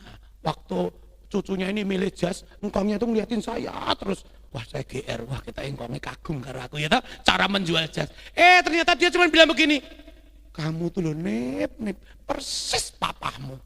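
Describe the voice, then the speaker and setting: A middle-aged man with a delivery teaches a church audience in a loud, storytelling style, often checking that listeners agree. His voice sits unusually high and bright, with a gravelly edge. He sounds like a lay speaker addressing a room of parishioners. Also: big pitch swings, fairly quick. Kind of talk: religious teaching talk to a congregation.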